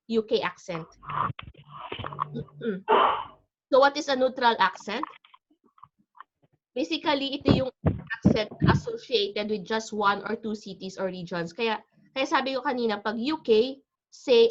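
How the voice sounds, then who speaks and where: Filipino woman, teacher, chatty online lesson, mixes Tagalog and English, a touch high, muffled video-call sound. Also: a little hiss or hum. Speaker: IELTS teacher. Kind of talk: online class lecture.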